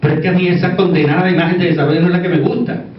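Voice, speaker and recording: A man's voice: high voice, steady tone, rapid-fire. Echoey, distant Puerto Rican man lecturing informally. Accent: Puerto Rican Spanish. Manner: conversational, repeats words for emphasis, seeks agreement. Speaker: conference speaker. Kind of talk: informal conference lecture with asides. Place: echoey indoor conference room. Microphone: distant microphone. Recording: echoey room, distant dull mic, faint noise.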